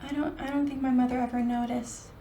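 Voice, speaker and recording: Uneasy female test subject, highish creaky voice, hesitant, subdued, found-footage drama. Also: little pitch movement, fast talker, warm tone. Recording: echoey room, distant mic, faint noise.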